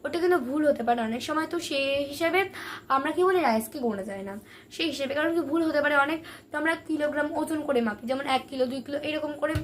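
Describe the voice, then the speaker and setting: This grammar teacher speaks in a high voice at a rapid-fire pace. She explains patiently, asking questions and answering them on her own, recorded from a distance with faint room noise.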